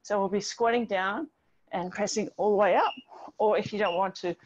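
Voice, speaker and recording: A middle-aged woman with a mid-pitched voice instructs a workout class over a video call. She cues each move step by step and encourages as she goes. The sound is slightly dull and lo-fi, picked up by a device mic at a distance outdoors. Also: normal speed. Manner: encouraging step-by-step cueing while exercising. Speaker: fitness instructor leading an online group class. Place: outdoor home patio with garden wall. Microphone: distant device microphone on a video call. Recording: dull, band-limited video call audio.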